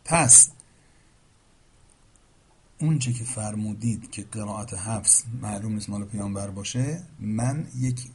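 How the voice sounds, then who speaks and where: A man explaining Quranic reading variants in a formal, patient lecture, reciting verses and often trailing off quietly at the end of phrases. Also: fairly low pitch, long pauses, slight background noise. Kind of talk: explanatory lecture answering a question.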